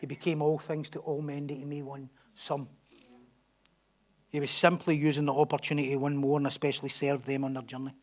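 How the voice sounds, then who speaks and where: A man's voice: on the high side, little pitch movement, a little fast. A middle-aged man, a pastor delivering a sermon with emphatic, repetitive lines and rhetorical questions.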